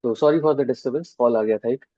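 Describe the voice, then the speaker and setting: A man's voice: medium pitch, dark tone, no room sound, muffled recording. A male maths teacher with an Indian accent, explaining an online class step by step and checking in with students often. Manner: explains step by step, drawing out key terms slowly. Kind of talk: online class lecture in mixed Hindi and English.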